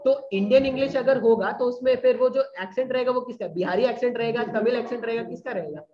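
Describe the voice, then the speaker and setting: A man talking very fast in a very high voice teaches a class casually, often checking that his students are following, with a crowd audible behind him. The recording of this lecture is dull and lo-fi.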